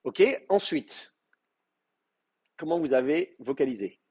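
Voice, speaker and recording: Man, Hebrew teacher, husky voice, explanatory lecture, hesitant fillers. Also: medium pitch, expressive, slow pace, darkish tone. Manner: explanatory, frequent filler words and restarts. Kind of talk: university lecture.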